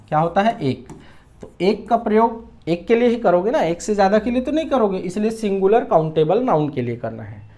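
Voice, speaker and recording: A woman teacher walks through a grammar lesson at an even, ordinary pitch. She explains step by step, often putting a question and then giving the answer herself. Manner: explains patiently, asks and answers her own questions.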